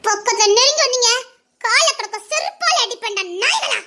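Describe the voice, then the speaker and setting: A woman's voice: very high voice, animated, a little fast, sharp tone, full character voice. A woman voicing a bold young female college student in an audio drama, firing back at bullies and later crying for help. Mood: defiant. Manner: fierce retorts, then pleading and sobbing. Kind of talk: Tamil audio drama acting.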